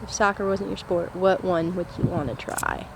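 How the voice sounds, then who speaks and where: A woman interviewing a coach, answering with short, upbeat reactions and asking quick questions. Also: lowish voice, steady tone. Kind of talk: casual interview. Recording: outdoor recording with faint traffic noise.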